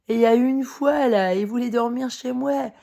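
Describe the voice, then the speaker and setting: A woman's voice: fairly high pitch, measured pace, creaky. Tired woman in a heated, rambling rant. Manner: rambling and heated, with many fillers, swearing and short laughs. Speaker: vlogger. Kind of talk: casual spoken monologue to camera.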